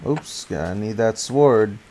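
A man giving casual commentary on his gameplay, excitable and prone to swearing and sudden exclamations. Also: lowish voice, takes it slowly, slight background noise. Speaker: gaming channel host.

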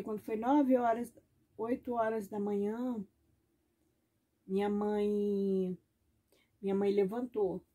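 A woman's voice: mid-range voice, warm tone, slightly rough. A woman recording a personal testimony in her bedroom at home, retelling events in a rambling, repetitive, emotional way. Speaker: vlogger.

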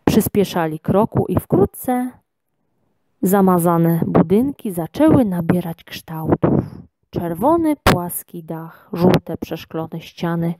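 Slow, warm-voiced woman reading a storybook. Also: lowish voice, dry recording. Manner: expressive, measured reading. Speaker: reader.

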